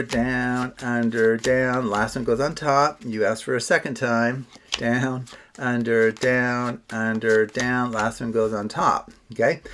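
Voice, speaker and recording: A man with a mid-pitched voice delivers casual card magician patter. He is chatty and addresses the listener as a participant in the trick. His manner is informal, with self-deprecating asides. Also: a little hiss or hum. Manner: talks as if to a participant.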